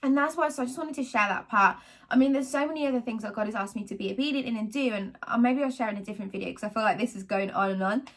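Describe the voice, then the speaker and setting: A woman's voice: fairly high pitch, rapid-fire. Chatty woman with a rambling manner. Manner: rambling, animated, fillers like "da, da, da". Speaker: vlogger sharing faith testimony. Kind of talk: casual talk to camera.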